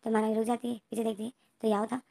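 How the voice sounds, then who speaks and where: A woman's voice: on the high side, flat delivery, racing, creaky, mellow. A woman casually retelling a fan story, rambling with restarts and reading out characters' lines.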